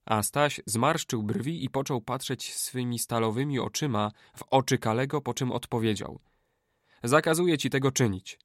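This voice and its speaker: A man narrating a classic adventure novel as an audiobook, in a steady, measured way. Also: mid-range voice, dry recording, clean studio sound. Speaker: audiobook reader. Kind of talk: scripted narration.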